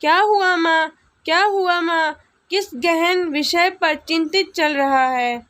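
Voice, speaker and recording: A woman voicing a joking grown son in a storybook tale, with a very high, slow voice. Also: a bit bright, full character voice. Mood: teasing. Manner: teasing.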